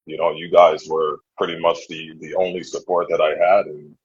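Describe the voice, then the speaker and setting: A deep, very husky man from Nova Scotia talks through a candid interview, earnest and reflective, circling back over his words as he thinks. His voice comes through a dull, dry, lo-fi remote call. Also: level tone, normal speed. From Nova Scotia, Canada. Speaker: guest.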